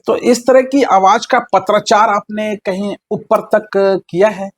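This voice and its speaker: A man's voice: high voice, steady tone, unhurried. A man interviewing a hospital official with pointed, probing questions.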